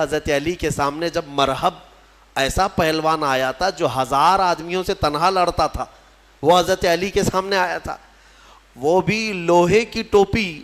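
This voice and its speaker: Impassioned male preacher, higher voice. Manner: impassioned storytelling, rising to loud declamation; recites scripture in slow chant. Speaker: Islamic preacher. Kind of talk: sermon.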